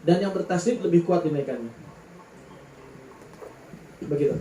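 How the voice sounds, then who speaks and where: Male recitation teacher, high mellow voice, patient and drawn-out, echoey room with faint hum. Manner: patient, drawn-out explanations with sung letter names. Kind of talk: Quran recitation lesson.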